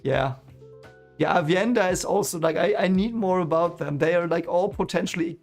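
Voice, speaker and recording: Soft background music accompanies a high-pitched man at a moderate pace talking casually to his live chat about a book he's reading. He speaks German natively, has a German accent, and streams himself reading a book series, rambling with many fillers and restarts.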